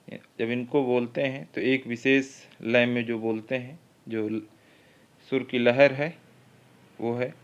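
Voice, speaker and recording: A man's voice: medium pitch, clean tone, highs cut off. A man teaching a Hindi literature exam-prep lecture, reading each question twice before going through the options and explaining the answer.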